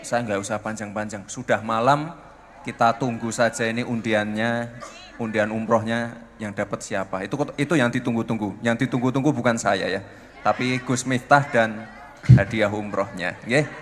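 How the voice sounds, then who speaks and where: Man, mayor giving a quick polite speech, lowish voice, echoey hall. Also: steady tone, a little hiss or hum. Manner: polite, upbeat, repeats his thanks. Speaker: city mayor giving a guest address. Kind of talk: short formal welcome speech to a crowd.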